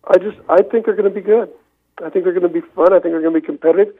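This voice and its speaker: A man's voice: high-pitched, steady tone, very fast. An older man, a veteran newspaper man, chatting casually as a radio guest, rambling with many restarts. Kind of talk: casual radio call-in chat. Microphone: telephone. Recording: gravelly voice over a tinny phone line.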